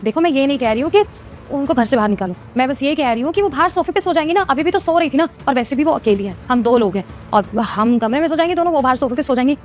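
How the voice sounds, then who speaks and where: A woman's voice: high-pitched, expressive, fast talker, soft background music. A woman playing a stubborn, selfish young wife who insists on getting her way. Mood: insistent. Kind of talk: Hindi family drama acting.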